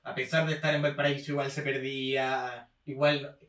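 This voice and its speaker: A man's voice: mid-range voice, flat delivery, moderate pace, a bit bright. A young man with a Chilean accent, co-hosting a casual literary podcast and tagging his points with checks like "¿cachai?". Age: young adult. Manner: frequent "¿cachai?" and "¿me entiendes?" tags. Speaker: podcast co-host. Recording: roomy echo, mic at a distance.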